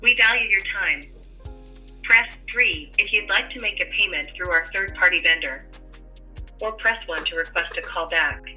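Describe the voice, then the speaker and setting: A woman's voice comes through as a recorded phone menu message. Her tone is sharp and very bright, and she reads each scripted option at a slow, steady announcing pace. Faint music sits behind her. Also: on the low side, poor audio. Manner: slow, evenly paced, announcing.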